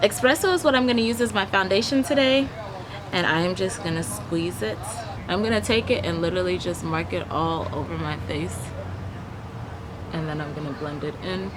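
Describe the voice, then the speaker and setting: A young woman with a lowish voice talks at normal speed, chatting casually to camera as a beauty vlogger walking through a makeup tutorial step by step while she applies it. She's outdoors in a leafy backyard garden, and the recording picks up noisy outdoor ambience with a hum of traffic.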